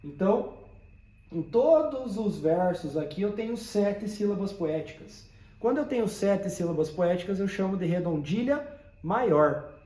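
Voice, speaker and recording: A man's voice: high-pitched, expressive, unhurried, dark tone, roomy sound. A man teaching a poetry lesson, explaining step by step and often checking that listeners follow.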